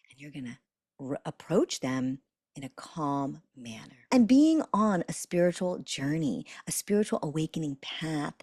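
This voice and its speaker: Expressive woman giving a spiritual self-help talk. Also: lowish voice, dry recording, studio quality. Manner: expressive, acts out little quoted voices; slows and softens when guiding breathing. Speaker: spiritual awakening coach.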